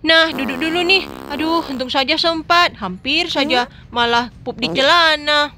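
A mischievous young man, always making excuses, voiced by a woman. The voice sits high and bright, and it sounds like casual game role-play. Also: moderate pace, a little hiss or hum.

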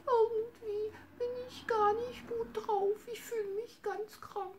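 A woman's voice: steady tone, a little slow, dark tone, a little hiss or hum. A woman voicing a little sick male bunny who is whiny and tearful. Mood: whimpering. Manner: high, tearful and whimpering.

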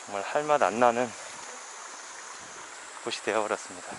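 His voice fairly low and his pace moderate, a lone fly fisherman narrates to himself by a shallow mountain stream. He sounds casual, wry, and tired, recorded via head-mounted action camera over the stream's noise.

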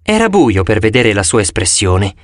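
A man reading an audiobook with animated first-person storytelling. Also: fairly low pitch, moderate pace, no room sound, studio quality. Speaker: audiobook narrator.

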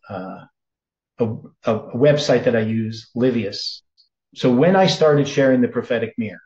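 A middle-aged man teaches in a halting, conversational way, his talk full of fillers and restarts. He speaks into a webcam in a small, roomy indoor space. The sound is dull and lo-fi. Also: medium pitch, a little mellow. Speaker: Bible teacher. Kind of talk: teaching sermon with screen share.

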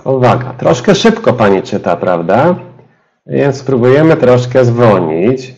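A man trainer walking listeners through a software demonstration in a webinar, explaining step by step and addressing them directly. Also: mid-range voice, big pitch swings, a little slow, highs cut off.

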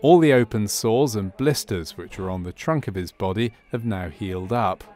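The medical training film's narrator, a man with a fairly low, darkish voice, reads scripted documentary narration at a moderate pace. Soft music plays in the background as he explains.

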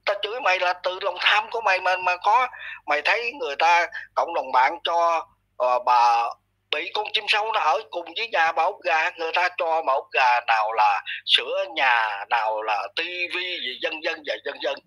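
Male commentator, husky and sharp-edged, blunt scolding rant, talks down to his target. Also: fairly high pitch, expressive, moderate pace, rough recording. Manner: blunt, scolding, addresses listener harshly. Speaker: online commentator. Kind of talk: ranting commentary monologue.

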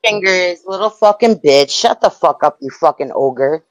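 Talking into a phone in a live audio chat room, a woman throws aggressive, profane taunts during a heated argument. Her voice is on the low side and animated, at a moderate pace, with no echo and faint music in the background.

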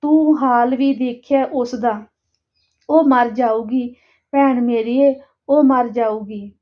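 Woman reading a tearful father, begging, high voice, storybook reading. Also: slow, highs cut off. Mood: pleading. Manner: pleading, tearful. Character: Janta, pleading Sikh man, grieving father.

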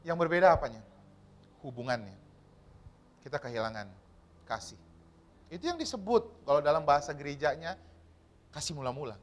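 A male pastor preaching a lively sermon in a church. His voice sits high and swoops up and down as he keeps turning to the congregation with questions. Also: brisk, pauses often. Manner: animated preaching, often asking the congregation questions. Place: church hall.

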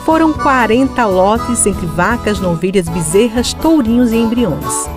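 A woman's voice: a little high, lively intonation, measured pace. A woman reading scripted TV news narration as a reporter. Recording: voice-over over loud music. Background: loud background music.

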